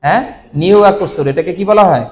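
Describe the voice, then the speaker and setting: A man teaching a Japanese kanji lesson, asking questions and answering them himself with steady repetition. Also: high voice, fast talker, big-room sound. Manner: asks questions and answers them himself, repeating key words.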